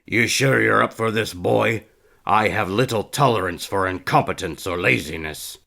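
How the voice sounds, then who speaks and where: A man reading a storybook as a gruff, scarred older male trainer with a gravelly, blunt voice. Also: on the low side, moderate pace, bright, forceful tone. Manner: blunt, taunting.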